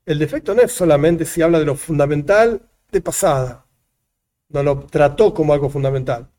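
A man's voice: a little high, normal speed, dark tone. A man teaching a religious lesson, reading lines aloud and then explaining each one with examples. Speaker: rabbi teaching a text.

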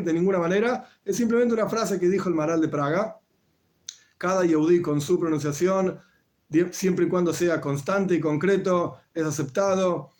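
A man's voice: a little high, a little mellow. Man patiently explaining religious language. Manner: measured, patient explaining with many restarts. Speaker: religious teacher. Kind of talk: live-streamed explanatory talk.

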